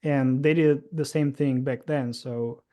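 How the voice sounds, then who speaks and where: Here a man from Russia in his thirties shares his story during an interview, his Russian accent clear. He speaks haltingly, restarting often and leaning on fillers, in a steady, mellow, medium-pitched voice.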